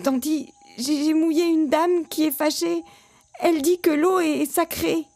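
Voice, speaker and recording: A woman voicing an eager, impatient young boy in a high, excited child's voice. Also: normal speed. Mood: frightened.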